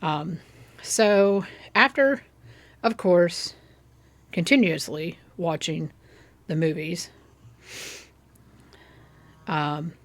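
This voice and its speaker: A woman's voice: fairly low pitch, extremely slow, pauses often, dry recording. A middle-aged woman casually chatting through her gameplay, rambling and sometimes coaxing in-game animals in a sweet sing-song. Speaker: gaming YouTuber.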